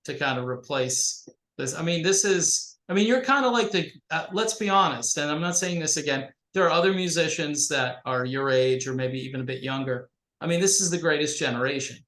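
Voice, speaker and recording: Male host, thin tin-can mic sound lacking bass, rambling and halting, slightly high, reverberant room. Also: fairly bright tone. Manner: rambling, halting, many fillers. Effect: thin tinny microphone sound with no bass. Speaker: interview host. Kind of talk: casual video-call interview. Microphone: home computer microphone. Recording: tinny mic in an echoey room.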